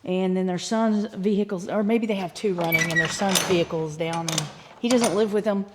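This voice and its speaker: A woman's voice: medium pitch, a little fast, noisy background. A woman with a chats casually and folksily outdoors, meandering as she thinks aloud in a homestead vlog. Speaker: homesteading vlogger. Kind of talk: casual rambling vlog chat. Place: outdoors on a farm.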